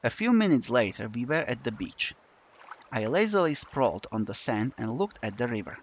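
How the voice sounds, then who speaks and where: Wry, lively male narrator. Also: mid-range voice, moderate pace, slight background noise. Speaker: audiobook narrator. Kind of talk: first-person narration of a visual novel.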